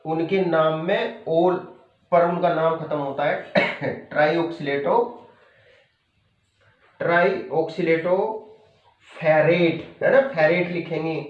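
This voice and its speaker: High-voiced man teaching in an echoey room. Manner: patient, repeats key terms, checks in with "है ना". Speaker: chemistry teacher. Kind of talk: classroom lecture. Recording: echoey room, dull lo-fi sound.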